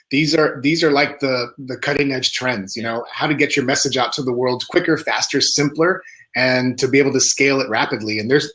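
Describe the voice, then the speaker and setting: A man being interviewed as a guest, talking casually and often pausing to search for words. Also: mid-range voice, fairly bright tone. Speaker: guest entrepreneur.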